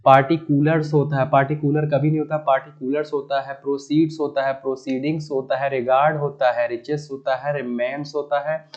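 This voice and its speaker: A man's voice: mid-range voice, darkish tone. Male teacher, mid-range voice, patient classroom lecture, slightly muffled recording. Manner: explains patiently, often addresses students directly. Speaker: grammar teacher.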